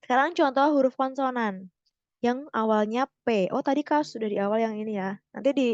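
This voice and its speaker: A young woman tutoring online in a casual way, correcting herself and slowly stressing example words. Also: fairly high pitch, a little mellow, dry recording, muffled recording. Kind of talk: explaining grammar lesson.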